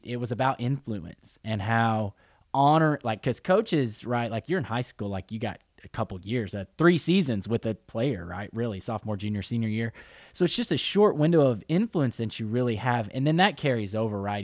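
A man's voice: medium pitch, darkish tone, no room sound, studio quality. A man hosting an interview podcast, thinking aloud in a friendly, rambling way. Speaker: podcast host. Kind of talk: casual interview talk.

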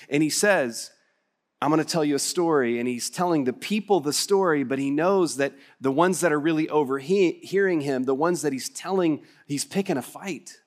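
A man with a West Texas twang preaching a conversational sermon as a pastor, driving points home with repeated phrases and deliberate pauses. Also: medium pitch. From West Texas, United States.

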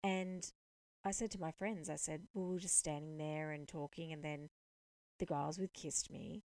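Low gravelly woman telling a story. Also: normal speed, no room sound. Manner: animated, indignant retelling with quoted dialogue. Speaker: podcast host. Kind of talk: storytelling monologue.

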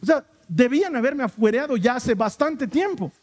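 A man's voice: very high-pitched, moderate pace. A man, a pastor telling a personal story in a sermon and acting out the people in it. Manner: animated storyteller acting out quoted voices.

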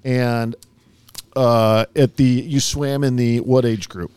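A man's voice: medium pitch, fairly even intonation, slow pace, a little mellow, clean tone, no room sound. A man chatting casually with his young daughter as host, teasing and easygoing. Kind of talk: casual chat.

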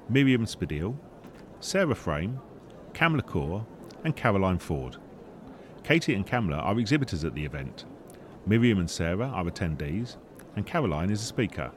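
Low-voiced male podcast host. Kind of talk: scripted podcast introduction. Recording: faint busy venue noise.

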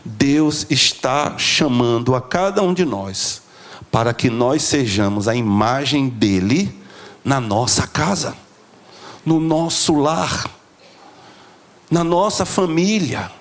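A man preaching a sermon, moving from soft, slow lows to high, emphatic climbs. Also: animated. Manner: emotional, rising to high emphatic peaks then dropping low and slow.

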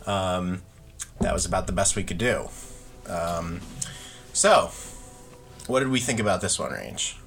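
A man's voice: deep voice, expressive, unhurried, creaky, pauses often, fairly bright tone, soft background music. A man co-hosting a podcast, chatting casually and jokingly with many filler ums. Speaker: podcast co-host.

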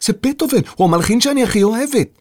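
A man voicing an eager, excited young girl who loves music, in a children's audio story. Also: on the high side, slightly rough, dry recording, studio quality, voice pushed up.

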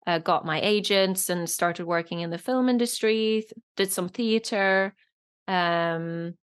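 Her voice fairly low, smooth, and unhurried, a woman in her thirties chats as a guest in a casual interview, peppering her speech with fillers. She's an actress born in Norway, a native Norwegian speaker whose accent leans British and doesn't sound clearly foreign.

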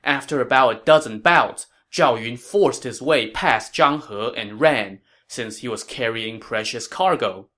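A man narrating a historical tale in a measured, dramatic storytelling manner. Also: mid-range voice, pushed and bright.

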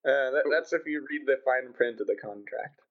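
A man's voice: mid-range voice, a little fast, lo-fi sound. A man bantering casually with friends as a gaming podcast regular.

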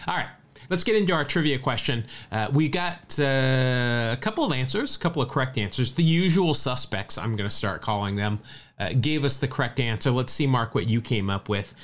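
Lively, stat-reciting man. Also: medium pitch, fairly quick. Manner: lively, rattles off stats. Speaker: podcast co-host. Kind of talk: casual sports chat.

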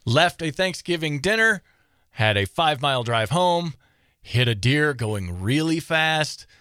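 An American man with a slightly high voice hosts a podcast in an animated, excited way. The talk is casual and upbeat. The sound is dry and close. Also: unhurried, smooth, no echo. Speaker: podcast host.

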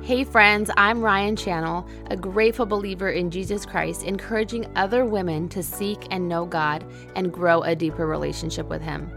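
A woman with a fairly low voice gives an upbeat scripted welcome for her faith and wellness podcast. Clear music plays behind her. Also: steady tone, moderate pace, few pauses. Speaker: podcast host and health coach. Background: music bed.

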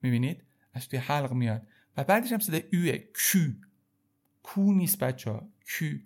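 A man's voice: mid-range voice, big pitch swings, darkish tone. A man teaching French letters. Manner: repeats sounds slowly and addresses viewers as kids. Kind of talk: casual spoken lesson to learners.

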